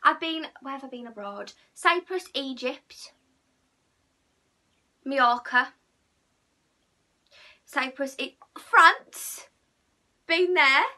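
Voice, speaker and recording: Bright chatty Middlesbrough woman. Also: high voice. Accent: Teesside (Middlesbrough). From Middlesbrough, England. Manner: chatty, peppered with "like" and "you know what I mean". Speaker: vlogger. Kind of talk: casual chat to camera.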